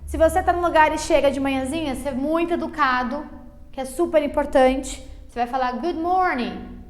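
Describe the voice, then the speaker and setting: A Brazilian English teacher with a Brazilian Portuguese accent and a high voice gives a lesson for beginners. She explains slowly and patiently, drawing things out with lots of diminutives and checking in with "ok?" and "tá?" after every point.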